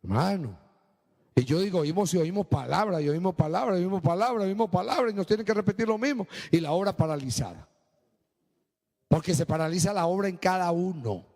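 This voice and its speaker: A man preaching a sermon as pastor, swinging between low, slow stretches and high, emphatic bursts. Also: lively intonation, a little mellow, long reverb tail.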